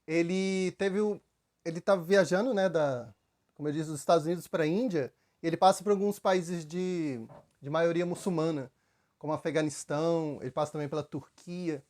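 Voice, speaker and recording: High-voiced Brazilian man teaching. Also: normal speed. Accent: Brazilian Portuguese. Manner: relaxed storytelling with frequent fillers, acts out quotes. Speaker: spiritual teacher. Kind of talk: conversational spiritual talk.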